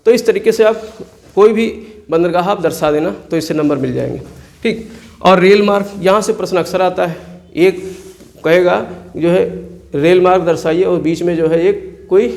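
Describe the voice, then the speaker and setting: Gravelly and darkish in tone, this male teacher's high voice moves at a moderate pace. He takes students through exam map work, asking and answering his own questions while repeating key place names to drill them.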